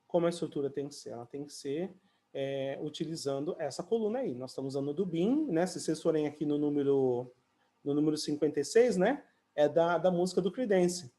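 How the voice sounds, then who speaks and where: Fairly high-pitched, animated and mellow, this Brazilian teacher leads an online English conversation class. He talks chattily, pauses with "né" and "ó", and sings or draws out the English sentences he uses as examples.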